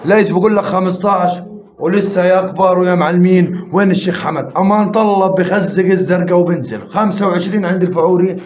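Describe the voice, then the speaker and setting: A man hosting a live pigeon auction, rapidly counting bids and urging viewers to join in. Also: high-pitched, darkish tone. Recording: roomy, slightly dull live-stream audio with faint noise.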